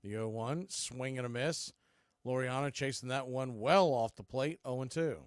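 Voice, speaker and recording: Here the American broadcaster's voice is mid-range, clear and resonant, moving at a moderate pace as he handles live baseball play-by-play. Folksy, conversational asides pepper his call, and the studio-quality recording is dry.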